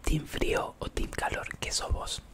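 Whispering softly to his viewers, this ASMR live streamer has a Rioplatense Spanish accent and a playful, meandering way of chatting. His pace is a little slow.

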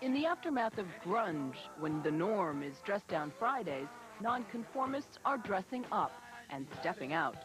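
A woman's voice: mid-range voice, big pitch swings, measured pace, rough recording. A woman TV reporter narrating a scripted news feature. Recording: loud music under voice.

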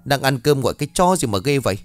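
A man's voice: medium pitch, expressive, quick pace, soft background music, voice pushed up, lightly acted. Brief: grumpy old peasant man, muttering curses, voiced by the narrator. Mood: grumbling. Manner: muttering, cursing. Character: old village man, grumpy, foul-mouthed.

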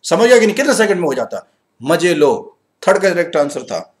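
During a live online grammar class delivered in Hinglish, an Indian-accented male teacher preparing students for exams speaks in a high voice. His tone is energetic and cajoling; he reads sentences slowly and murmurs privately while going through answers.

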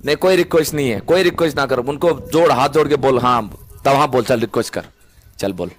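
A man's voice: medium pitch, quick pace, poor audio. A man livestreaming on a phone, arguing heatedly and cutting in again and again. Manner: argumentative, keeps cutting in and repeating himself. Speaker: livestreamer in a live battle. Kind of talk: heated live argument.

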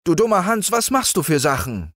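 A man's voice: high voice, wildly swooping pitch, moderate pace, fairly bright tone, dry recording, studio quality, voice pushed up, heavily acted. A man voicing an exasperated mother scolding her foolish son in a storybook tale.

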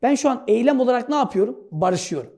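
A man teaching a Turkish exam-prep lesson, jokey and playful, calling students "brother" and shouting now and then for fun. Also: very high-pitched, animated, fast talker, vocal fry. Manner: playful and jokey, breaks into shouts and sound effects; addresses students as "kardeş". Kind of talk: energetic video lesson solving exam questions.

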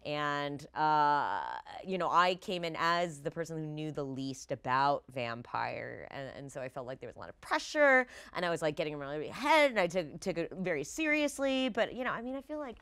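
On a TV-style studio set, this tabletop gamer in her thirties guests on a gaming discussion show, her low voice moving at a normal pace, smooth and with few pauses. The chat is casual, rambling and animated, sprinkled with "like" and "you know."

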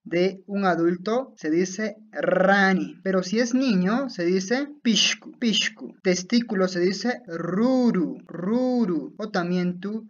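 A woman teaching vocabulary, saying each word and then repeating it slowly and carefully. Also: medium pitch. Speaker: language teacher. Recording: dull lo-fi audio.

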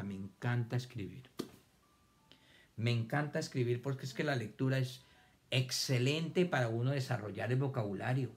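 A man teaching children reading and spelling online. He dictates words slowly, splits them into syllables and praises his pupils. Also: mid-range voice.

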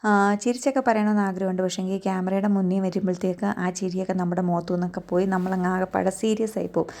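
Young keralite woman doing a casual cooking voice-over, mid-pitched, chatty, keeps checking in with viewers. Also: steady tone, quick pace, a little mellow. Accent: Keralite Malayalam. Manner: chatty, tags many sentences with a friendly aside, asks viewers to share. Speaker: cooking vlogger. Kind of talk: conversational voice-over narration. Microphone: voice-over recorded separately.

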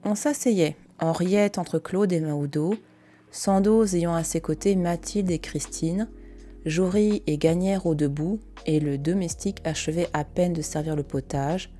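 A woman's voice: fairly low pitch, a little slow, dark tone. A woman host reading a classic novel aloud on a live stream, with casual, chatty asides between passages.

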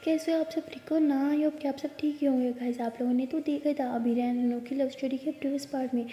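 A woman's voice: high voice, steady tone, fast talker, roomy sound, lo-fi sound. A woman narrating a love story in a chatty, casual way, mixing in English words.

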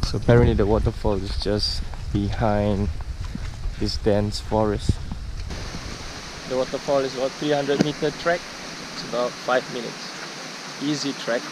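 A man's voice: mid-range voice, level tone, normal speed. A young man talking to a handheld action camera as he hikes a rainy jungle trail, thinking aloud as he walks. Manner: chatty, thinking aloud while walking. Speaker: travel vlogger. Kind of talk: casual hiking vlog narration. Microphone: action camera held at arm's length. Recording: outdoor camera audio with clear rain and stream noise.

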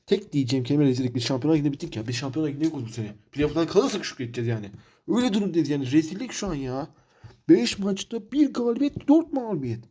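A man's voice: on the high side, expressive, fast, mellow, slightly rough. A man commentating his football manager game career, frustrated and ranting, repeating himself. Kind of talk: let's-play commentary.

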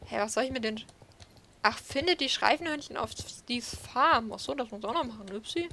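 A woman hosting a let's play, talking to herself in a chatty, playful way as she rides around. Her voice sits fairly high, with a faint hiss underneath. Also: animated, moderate pace, sharp tone. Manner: chatty self-talk, playful. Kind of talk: casual gameplay commentary.

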